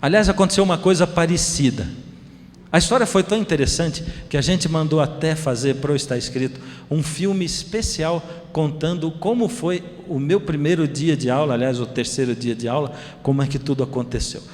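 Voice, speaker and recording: A Brazilian man preaches as a pastor, telling a story and acting out each exchange. His voice sits a little high. It rings with a long hall reverb. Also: brisk. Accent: Brazilian Portuguese. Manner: animated storytelling, acting out dialogue. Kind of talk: storytelling sermon.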